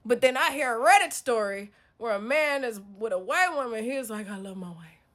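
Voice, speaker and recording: A woman vlogger in a casual, profane rant, swinging between low mutters and emphatic outbursts. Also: lively intonation, brisk, a bit bright.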